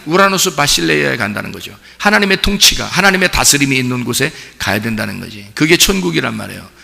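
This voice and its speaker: A man's voice: mid-range voice, gravelly, bright, forceful tone. A male pastor preaching a sermon in a conversational way, often putting rhetorical questions to his congregation. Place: church sanctuary during Sunday service. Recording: long church reverb.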